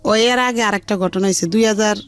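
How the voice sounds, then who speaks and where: A radio show guest, a middle-aged woman, shares her life story in candid conversation, her colloquial Dhaka Bengali accent delivered at a fairly quick clip in a mid-range voice. She acts out what people told her, lively and unpolished, while music runs in the background.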